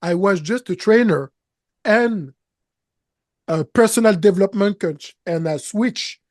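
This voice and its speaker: Heard in clean studio sound with no room tone, a Canadian business coach whose first language is French answers interview questions with a French accent. His voice is high and darkish, and his slow, earnest, emphatic speech includes non-native grammar slips.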